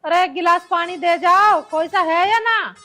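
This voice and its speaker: A woman's voice: extremely high pitch, a little slow, faint music behind, heavily acted. An actress playing a harsh, nagging older mother-in-law with a Haryanvi accent in a village film drama. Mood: scolding. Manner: nagging, sharp-tongued.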